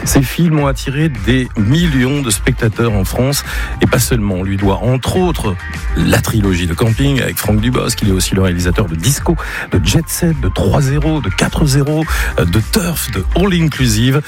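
A man hosting an evening radio interview, chatty and lively as he questions his guest. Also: mid-range voice, moderate pace, faint music behind. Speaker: radio host.

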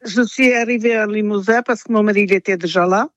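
An older woman from Portugal with a Portuguese accent, answering interview questions haltingly with many fillers. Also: medium pitch, no room sound, dull audio. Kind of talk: radio interview.

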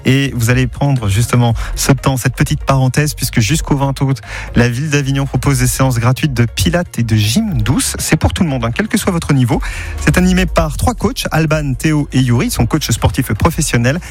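A man presenting a local morning radio show. He sounds friendly and chatty as he talks with a guest and a caller. His voice sits at a middle pitch, with soft music underneath. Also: lively intonation, fairly quick, husky. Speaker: radio host.

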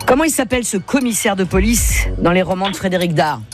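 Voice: mid-range voice, lively intonation, quick pace. Teasing radio quiz host over music. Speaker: game show host. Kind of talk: radio quiz hosting, playful banter. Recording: music bed behind the voice.

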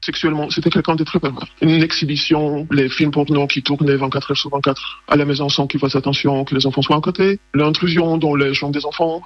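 A woman giving a recorded testimony with her voice disguised by a voice changer, speaking in a measured way with some hesitant repeated words. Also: low-pitched, little pitch movement, no echo. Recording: dull lo-fi radio clip.

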